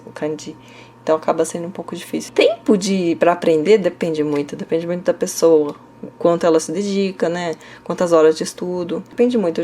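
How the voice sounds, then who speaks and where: A young Korean teacher from the interior of São Paulo state replies casually to her viewers, speaking Brazilian Portuguese with a São Paulo accent. Her voice is fairly low and mellow against slight background noise, and her chatty talk is dotted with "né?", "tá?" and small laughs.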